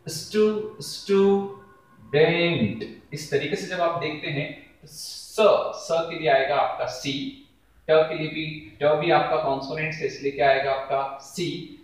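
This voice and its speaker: A man's voice: a little high, steady tone. Echoey man teaching a lesson. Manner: slow, drawn-out word pronunciation drills. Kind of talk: classroom-style lesson explanation. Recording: echoey room.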